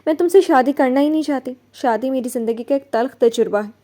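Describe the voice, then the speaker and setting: A woman's voice: high-pitched, fast talker, close to an everyday voice. A woman voicing a proud, irritated woman doctor who snaps at a younger suitor, as she reads a novel aloud. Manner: sharp and indignant. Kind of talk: novel reading.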